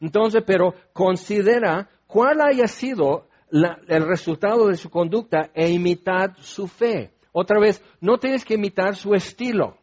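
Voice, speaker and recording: A high-voiced man preaches a sermon. He explains scripture in a relaxed, conversational way and adds asides to his listeners. The recording sounds dull and lo-fi. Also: unhurried, hardly any pauses. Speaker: pastor.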